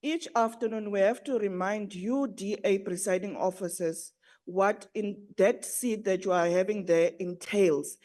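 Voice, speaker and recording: A woman's voice: mid-range voice, a little slow, warm tone. A woman making a formal objection in parliament, sounding indignant and reproachful. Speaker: member of parliament raising an objection. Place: parliament chamber.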